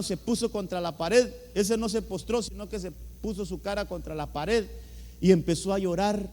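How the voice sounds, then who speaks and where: A man with a Honduran accent delivers a sermon from the pulpit in a raised, high voice. He hammers each point by repeating key words and keeps addressing the congregation as brother. His voice rings out with a long reverb through the church hall. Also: a little mellow. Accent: Honduran Spanish. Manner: emphatic, repeats words, often says "hermano". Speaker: pastor.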